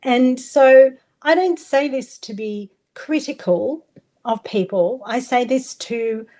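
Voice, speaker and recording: A woman's voice: fairly high pitch, takes it slowly, dark tone. A middle-aged Australian woman talking candidly and expressively as a podcast guest, swearing freely. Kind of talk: podcast interview.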